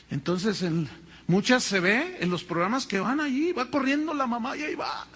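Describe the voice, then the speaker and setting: A man preaching a sermon as pastor, telling stories with humor and acting out other people's voices. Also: high-pitched. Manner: animated storytelling with humor and acted-out voices.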